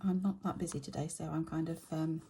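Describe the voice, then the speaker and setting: A middle-aged woman with a slightly croaky voice, casually chatting with many fillers while she stitches. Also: sits low, fairly even intonation, brisk, mellow, slight background noise. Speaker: stitching vlogger.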